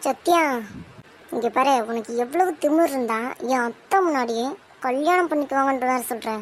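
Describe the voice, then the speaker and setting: A woman's voice: high-pitched, moderate pace, slight background noise, natural voice. A woman voicing a spiteful young woman in a cartoon soap drama, who taunts the others and stirs up trouble. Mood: taunting.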